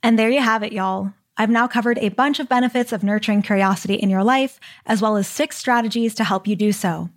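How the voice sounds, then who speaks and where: A woman's voice: medium pitch, fairly quick, hardly any pauses. A woman hosting a solo podcast, reading a script in an upbeat, encouraging, conversational way. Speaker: podcast host.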